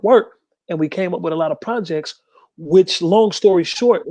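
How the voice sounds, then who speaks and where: Interview guest, man, slightly high voice, dry close sound, fast animated storyteller. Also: dry recording. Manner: quick, emphatic, acts out quoted voices. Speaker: interview guest, gospel artist. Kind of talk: candid storytelling.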